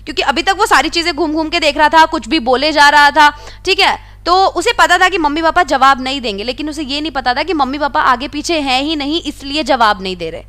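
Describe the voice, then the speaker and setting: High-voiced woman teaching a textbook lesson. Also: bright, forceful tone. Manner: reads English lines slowly, then explains them in Hindi. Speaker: English teacher. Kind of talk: explaining a textbook lesson in Hindi.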